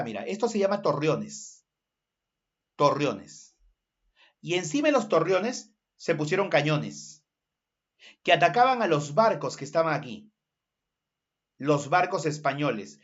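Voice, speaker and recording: A man's voice: on the high side, highs cut off. A man from Callao with a Peruvian accent, teaching history in an online class, checking in with students and acting out sound effects. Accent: Peruvian Spanish. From Callao, Peru.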